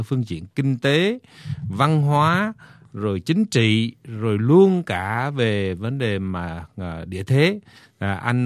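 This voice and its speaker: A lawyer appearing as a guest on a radio talk show tells stories with many hesitations and fillers. His voice is lowish, and the audio is studio quality with no room sound.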